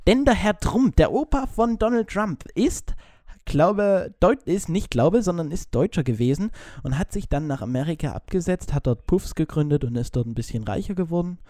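Brief: male podcast co-host, mellow, fairly high voice, chatty and rambling, dry close recording. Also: expressive, normal speed, no room sound. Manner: chatty, jumps between topics, stumbles and restarts. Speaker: podcast co-host reading news. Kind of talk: casual chat.

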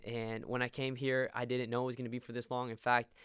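A young man from Peru talks quickly and earnestly as a podcast guest, telling his faith story with a smooth, clear voice. He stumbles into repeated words when searching for the next thought. The sound is close and dry, with no room around it. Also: medium pitch, level tone, a bit bright, no echo. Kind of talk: faith testimony in conversation.

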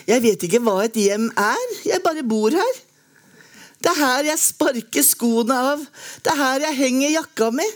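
A woman reading a lyric poem aloud in a slow, measured, lyrical way with long pauses. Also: high voice, animated. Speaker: poetry reader.

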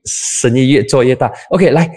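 A man's voice: mid-range voice, moderate pace, warm tone, husky. A man hosting a casual news talk show in Malaysian-accented Mandarin, chatting with a guest and using many filler particles.

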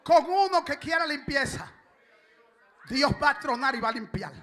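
A male pastor preaching a fiery sermon, shouting fervently and repeating phrases in rising chants. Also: very high voice, animated, moderate pace. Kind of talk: fiery Pentecostal-style sermon.

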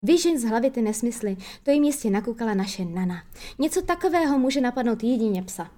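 A woman's voice: fairly high pitch, animated, warm tone, close to an everyday voice. A woman doing a scoffing, dismissive father. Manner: scoffing, brushing things off. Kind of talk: storybook reading.

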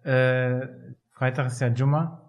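A man in his thirties from Germany, a physiotherapist talking as a podcast guest in a relaxed way, with many fillers and hesitations. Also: medium pitch, slow pace. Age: 30s. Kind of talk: casual interview talk.

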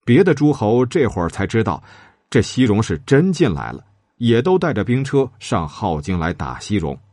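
Lively male storyteller with husky voice. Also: normal speed, dry recording, clean studio sound. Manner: lively, dramatic, shifting pitch for characters. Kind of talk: storytelling narration with acted character lines.

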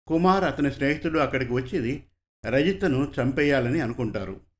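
A man narrating an audio serial story. He reads in a steady, measured way. His voice sits in the middle range. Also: medium pitch.

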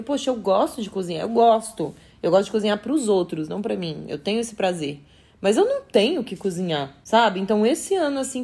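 A woman guest in a casual interview, speaking frankly and conversationally in a firm, projected voice. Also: mid-range voice.

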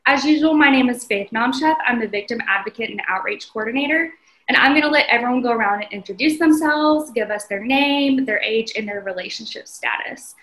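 Young woman, early twenties, podcast host, upbeat, welcoming, bright tone. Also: a little high, a little fast, echoey room, low-quality recording. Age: 20s. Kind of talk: hosting a panel discussion.

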